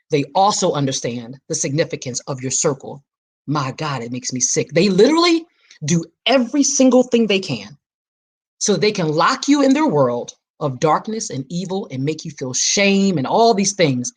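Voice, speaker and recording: A woman's voice: on the low side, breathy edge. A woman hosting her own podcast in an impassioned, preacher-like monologue, repeating phrases for emphasis. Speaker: podcast host.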